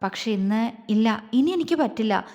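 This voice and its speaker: A woman's voice: a little high, animated, normal speed, in a large hall. A woman voicing a tender, teasing young husband. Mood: coaxing. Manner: affectionate, coaxing, softly playful. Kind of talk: dramatized romance audio story.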